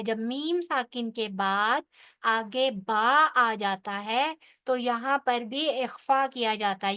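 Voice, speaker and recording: A woman teaches the rules of Quranic recitation in a bright, high voice. She speaks at an unhurried pace, explaining each point step by step before reciting the words slowly. She checks in with her listeners often along the way. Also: clean tone. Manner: checks in with frequent "theek hai". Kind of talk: tajweed lesson with slow recitation.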